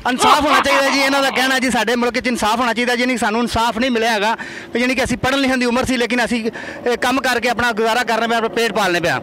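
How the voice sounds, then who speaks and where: Brief: male street host, bright high voice, pushy and teasing with strangers. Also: steady tone, rapid-fire, a little hiss or hum. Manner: pushy, playful, coaxing passers-by. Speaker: comic street interviewer and prankster. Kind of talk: comedic street interview. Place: outdoors on a busy street.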